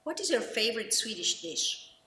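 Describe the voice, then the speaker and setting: A woman interviewer asking brisk, direct questions. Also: fairly high pitch, very animated, pushed and bright. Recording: echoey hall, faint background noise.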